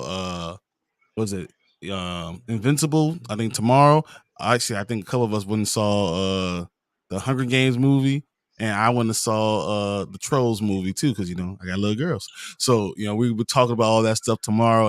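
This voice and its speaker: A man's voice: lowish voice, no echo, studio quality. A man chatting casually as a reviewer on an online panel. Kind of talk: casual chat.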